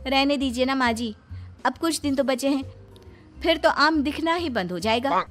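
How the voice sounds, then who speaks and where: Cartoon daughter-in-law, young and sly, whiny, bright high voice , voiced by a woman. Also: moderate pace, soft background music. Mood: cheeky. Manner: coaxing, whiny over mangoes. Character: young mango-loving daughter-in-law, cheeky.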